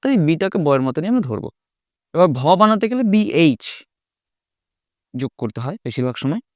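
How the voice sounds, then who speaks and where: Man, teacher, patient step-by-step explaining, checks understanding, slightly high voice, dry close sound. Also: big pitch swings, fairly quick, no room sound. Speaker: English teacher. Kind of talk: spoken language lesson.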